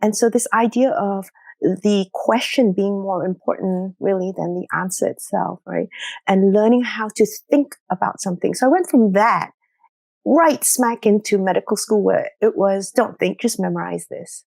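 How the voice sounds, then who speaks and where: A woman's voice: mid-range voice, normal speed, gravelly, darkish tone, no echo. A middle-aged woman from Singapore, a doctor talking through her path as a podcast guest, reflective and often tagging "you know" and "right?". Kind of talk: conversational interview.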